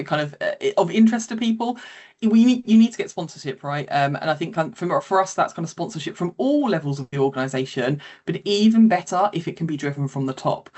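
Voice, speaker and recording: A woman's voice: on the low side, a little mellow. A woman co-presenting a webinar, speaking with many hesitations and fillers. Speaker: webinar co-presenter, council data lead.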